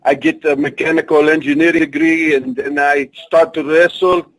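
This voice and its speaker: A man speaks, answering in broken English. He keeps a booming wrestling persona and a fairly high voice. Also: fairly even intonation, moderate pace, low-quality recording. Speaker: wrestler guest. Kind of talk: in-character interview answers.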